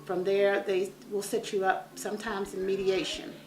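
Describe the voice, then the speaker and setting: A woman's voice: medium pitch, flat delivery, moderate pace, noisy background. A plain-spoken woman giving a first-person account as a small landlord, repeating words for emphasis. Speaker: small landlord being interviewed. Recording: echoey room, distant mic, music behind.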